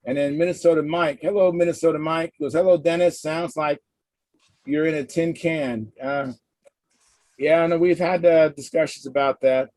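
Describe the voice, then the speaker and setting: A man's voice: fairly high pitch, steady tone, normal speed, darkish tone, no echo. Man hosting a casual livestream, dry close sound. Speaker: host of a hobby livestream hangout. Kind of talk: casual chat, reading out viewer comments. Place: live online video hangout.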